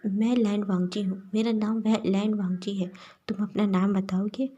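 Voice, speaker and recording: A woman's voice: mid-range voice, level tone, normal speed, dark tone, breathy edge, dull audio, close to an everyday voice. A woman voicing a brooding young doctor husband. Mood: soothing.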